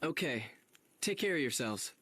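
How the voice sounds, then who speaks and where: A man's voice: on the high side, very animated, moderate pace, bright, forceful tone, husky, no echo, heavily acted. A man voicing an earnest young hero who thinks aloud in a video game. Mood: evasive. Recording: game music behind the voice.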